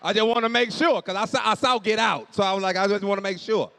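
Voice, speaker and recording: A man in his late forties doing animated stand-up storytelling on stage, dropping to low asides and jumping up for punchlines. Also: fast talker. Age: 40s. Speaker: stand-up comedian. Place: church hall on stage. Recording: long hall reverb.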